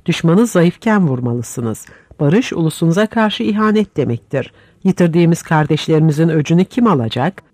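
A man's voice: on the high side, expressive, moderate pace, few pauses, darkish tone, dry recording. A man reading the part of a stern, vengeful war minister who speaks in a harsh, commanding way.

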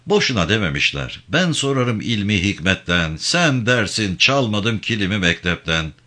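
A man's voice: fairly low pitch, very animated, normal speed, bright, forceful tone. A man playing a barking bully sergeant. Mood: contemptuous. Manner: barking, cursing, contemptuous. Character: harsh gendarme sergeant, grown man, bullying and short-tempered.

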